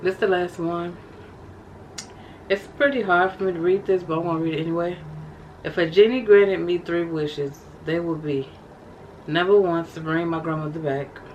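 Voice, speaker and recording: A woman's voice: fairly low pitch, steady tone, normal speed, long pauses, highs cut off, a little hiss or hum. Chatty woman reading her journal aloud. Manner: chatty, addresses viewers as y'all. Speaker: vlogger. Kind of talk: casual vlog, reading from a journal.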